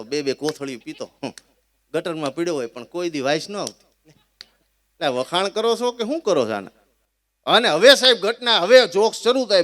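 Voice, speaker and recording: A man with a Kathiawadi Gujarati accent telling comic folk stories live, animated, often addressing his listeners as sir. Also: sits high. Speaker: folk storyteller and schoolteacher.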